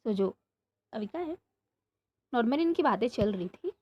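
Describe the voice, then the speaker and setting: A young woman with a fairly high voice and lively intonation talks unhurriedly from her bedroom, chatting casually and then narrating a story for her vlog channel in an animated, rambling way. The highs are cut off and there's a little hiss or hum, with a neighbour's music playing.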